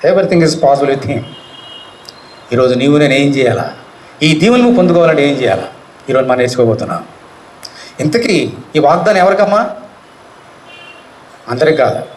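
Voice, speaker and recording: A male pastor with a Telugu accent preaches at a rapid clip, his voice pitched fairly high. He fires questions at the congregation and calls out to them. The sound carries the echo of a church hall. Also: very animated, slight background noise. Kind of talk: sermon.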